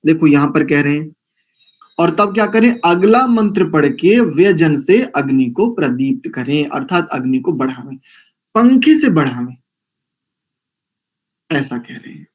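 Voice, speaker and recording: A man's voice: fairly high pitch, lively intonation, dull audio. A man teaching a scripture class, drilling mantra pronunciation syllable by syllable and quizzing his students. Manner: slow, deliberate, drawn-out mantra pronunciation drills; asks the class questions and corrects himself. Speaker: Vedic teacher.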